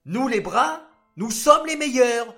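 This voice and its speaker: Man doing indignant high-voiced arms. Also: animated, slow pace, bright, forceful tone, faint music behind, exaggerated voice. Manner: indignant, emphatic.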